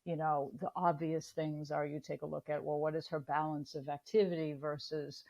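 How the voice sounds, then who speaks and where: A woman in her forties, a guest physician, explaining things in an animated way with analogies. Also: low-pitched, moderate pace, highs cut off. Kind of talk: explanatory interview answers.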